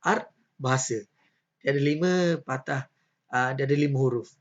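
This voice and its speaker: A man's voice: medium pitch, normal speed. Malaysian malay guy teaching poetry, keeps asking the class, lots of "ah"s, kinda dull lo-fi audio. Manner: patient, questioning, many "ah" fillers. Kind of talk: online poetry lesson.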